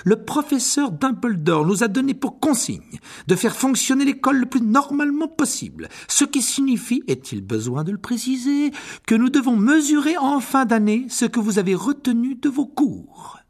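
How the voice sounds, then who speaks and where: A man voicing a stern older female teacher in an audiobook, speaking crisply and with authority. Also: very high voice, big pitch swings, moderate pace, voice pushed up, heavily acted.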